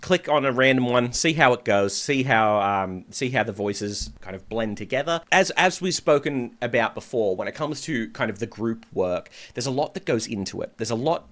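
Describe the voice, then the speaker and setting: A man hosting a music reaction as a vocal coach. His voice sits at a middle pitch. He talks in a chatty way and picks apart the harmonies and vocal layers as he goes. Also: animated, normal speed, hardly any pauses, fairly bright tone. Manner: chatty and analytical, breaking down harmonies.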